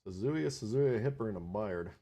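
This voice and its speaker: A man's voice: fairly low pitch, lively intonation, normal speed, mellow. Chatty man with a Minnesota accent streaming gameplay. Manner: chatty, wisecracking, reads viewer chat aloud. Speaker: livestream gaming host. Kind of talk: casual live gameplay commentary.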